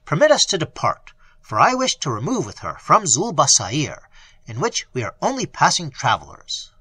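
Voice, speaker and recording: A man's voice: fairly high pitch, huge pitch swings, normal speed, pushed and bright, breathy edge, dry recording, exaggerated voice. A man voicing a bold, furious young traveller who speaks curtly and defiantly. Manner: curt, defiant.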